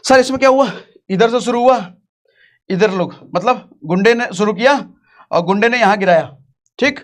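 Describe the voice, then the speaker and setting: A man's voice: high-pitched, moderate pace. A man, teaching chart reading in a casual, rustic, joking way with lots of repetition. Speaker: trading teacher.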